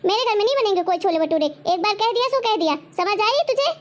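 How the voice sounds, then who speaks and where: In a homemade web drama, a woman acts as a harsh, stingy mother-in-law, scolding and taunting her daughter-in-law and repeating her demands. Her extremely high voice is expressive and fast.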